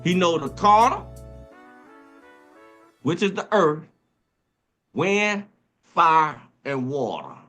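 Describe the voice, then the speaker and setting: A man's voice: fairly high pitch, lively intonation, slow, pauses often, sharp tone, soft background music. A man leading a Bible study discussion, explaining verses emphatically and repeating his points, then telling the others to read on.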